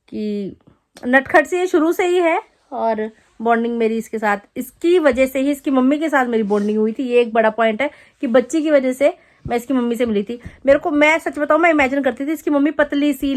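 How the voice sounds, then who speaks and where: A young woman vlogger casually telling a story to the camera, chatty and animated, acting out the quotes as she goes. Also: sits high. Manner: chatty, animated retelling with acted-out quotes and laughter. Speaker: family vlogger.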